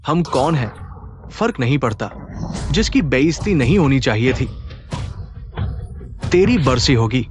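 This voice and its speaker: A man's voice: mid-range voice, lively intonation, unhurried, long pauses, background noise, natural voice. A man playing an arrogant threatening boyfriend. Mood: menacing. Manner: threatening, boastful. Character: arrogant, menacing rich boyfriend. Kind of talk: Hindi drama dubbing.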